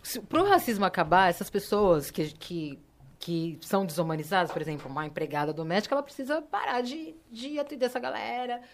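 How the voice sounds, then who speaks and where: A woman's voice: medium pitch, lively intonation, fairly quick. A woman, co-hosting a podcast in casual, slangy chat and often checking that others follow. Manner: slangy, emphatic, frequent "entendeu?". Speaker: podcast co-host.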